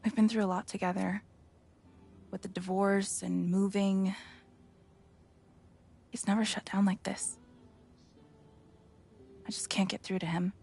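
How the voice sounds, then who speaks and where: A woman's voice: medium pitch, flat delivery, measured pace, vocal fry, long pauses, a little mellow, slightly rough. A woman acting a weary, grieving middle-aged mother in a video game, subdued and confiding. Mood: grieving, strained. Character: weary grieving divorced mother, worried about her child.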